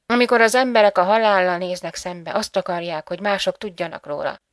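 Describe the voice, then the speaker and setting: A woman reading the part of a composed female psychologist speaking gravely in an audiobook. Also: lowish voice, no echo, studio quality, close to an everyday voice.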